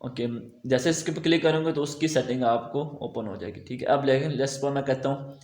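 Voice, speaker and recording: A man giving a relaxed, thinking-aloud screen-recorded software tutorial, full of okays and fillers. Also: medium pitch, a little fast, roomy sound. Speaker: web design tutor.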